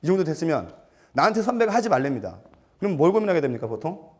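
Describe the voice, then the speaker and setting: A man giving a storytelling seminar lecture, animated and self-mocking, acting out quotes and putting questions to his audience. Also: on the high side, quick pace. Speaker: lecturer for martial arts gym instructors.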